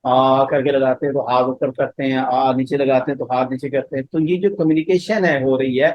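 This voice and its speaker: A man, a professor, lecturing on communication skills. He explains with everyday examples and mixes slow, deliberate English phrases into his talk. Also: medium pitch, fairly even intonation, no room sound, lo-fi sound.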